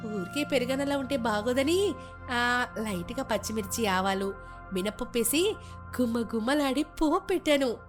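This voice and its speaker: A woman's voice: a little high, animated, normal speed, over music, lightly acted. A woman voicing a naive, cheerful young daughter-in-law from a village who chatters eagerly.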